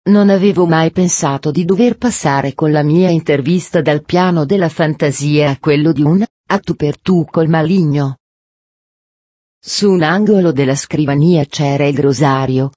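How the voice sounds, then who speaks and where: A woman reading a first-person narration slowly and calmly. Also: deep voice, dry recording, studio quality. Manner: slow, calm reading. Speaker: audiobook reader.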